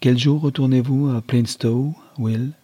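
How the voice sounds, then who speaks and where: A man voicing a gentle but firm young Englishwoman in a read-aloud novel, his husky voice lifted somewhat higher. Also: steady tone, a little slow, no echo. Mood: gentle, pleading.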